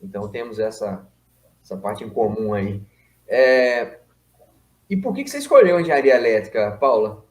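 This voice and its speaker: A man's voice: lowish voice, big pitch swings, moderate pace, a little mellow. A man hosting an interview, friendly and conversational, often adding tag questions. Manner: friendly, conversational, with many "né" tags. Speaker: interview host. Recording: echoey room.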